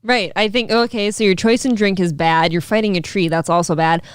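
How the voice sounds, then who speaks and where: A woman with a clean, smooth voice co-hosts a casual talk show. She banters bluntly and teases, recorded very dry with no room sound. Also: mid-range voice, fairly even intonation, brisk, dry recording. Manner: blunt, teasing. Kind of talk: casual chat, teasing banter.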